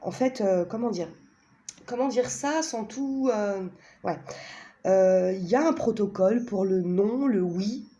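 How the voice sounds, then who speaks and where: A woman's voice: mid-range voice, unhurried, warm tone. A woman casually presenting a pendulum and a card deck, talking hesitantly with many fillers and tag questions, chatty and self-mocking.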